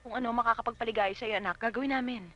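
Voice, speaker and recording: A woman's voice: fairly high pitch, steady tone, very fast, pushed and bright. An actress playing a loving mother who speaks tenderly, in dull lo-fi film audio.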